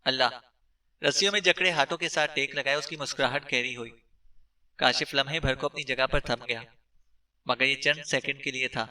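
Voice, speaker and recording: A man reading a novel aloud as an audiobook narrator, with steady storytelling. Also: mid-range voice, brisk, far from the mic. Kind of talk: scripted narration.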